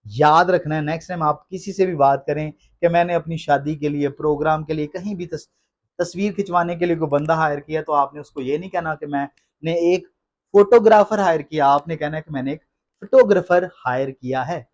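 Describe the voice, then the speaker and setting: A man teaching English pronunciation, repeating each word slowly and with emphasis. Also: a little high, steady tone. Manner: repeats words slowly and emphatically, addresses listeners as friends. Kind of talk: classroom-style explanation in Hindi.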